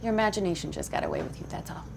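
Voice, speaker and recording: A woman's voice: fairly low pitch, wildly swooping pitch, racing, vocal fry, background noise, exaggerated voice. A woman playing an anxious, loving mother who pleads for help in an audio drama. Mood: worried.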